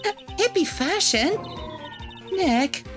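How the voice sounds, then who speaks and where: A woman voicing an excitable, easily offended young female sidekick in an amateur video game read-through. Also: very high voice, takes it slowly, over music, voice pushed up, heavily acted. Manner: eager, exclamatory.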